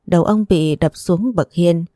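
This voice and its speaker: A woman narrating a story audiobook in a steady storytelling manner. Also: lowish voice, measured pace, dry recording, studio quality. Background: faint music.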